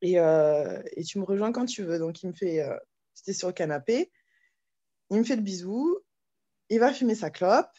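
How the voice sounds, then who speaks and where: A woman's voice: medium pitch, expressive, moderate pace, mellow. A young woman telling the story of her second child's birth at home in a chatty, casual way, often laughing and restarting her sentences. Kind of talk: casual spoken testimony. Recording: slightly dull lo-fi sound.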